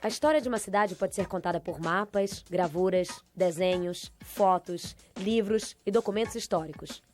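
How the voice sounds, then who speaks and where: A woman narrates a documentary in a measured, even studio voice-over. Her pitch sits in an ordinary middle range. Clear background music runs steadily under her words. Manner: measured, even informative delivery.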